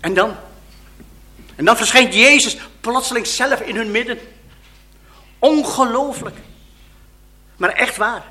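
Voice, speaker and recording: A man preaching a sermon, telling the story dramatically and expressively, with pauses and exclamations. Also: very high-pitched, bright, forceful tone.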